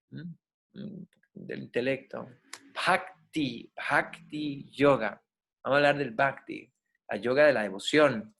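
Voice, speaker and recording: A man's voice: medium pitch, fairly bright tone. Man teaching a yoga class. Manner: explains slowly, spells out and repeats Sanskrit words; checks in with listeners, asking ok and right. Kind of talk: classroom lecture.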